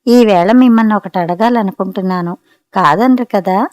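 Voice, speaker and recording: A woman's voice: medium pitch, moderate pace, a little mellow, no echo, lo-fi sound, natural voice. A woman reading as a playful, stubborn young wife. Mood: coaxing. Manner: coaxing, wheedling.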